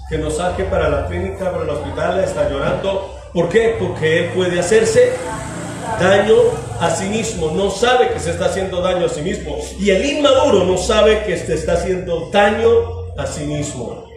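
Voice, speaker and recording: A man's voice: sits high, moderate pace. A man preaching a sermon, asking the congregation questions and acting out everyday scenes. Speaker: pastor. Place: church hall. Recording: echoey church hall from far off with music.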